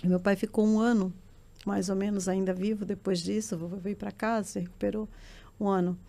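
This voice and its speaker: This middle-aged woman, a guest on a podcast, tells her personal story with earnestness and feeling until it swells into tearful intensity. She talks a little fast at a medium pitch, mellow and with vocal fry, her pitch barely moving.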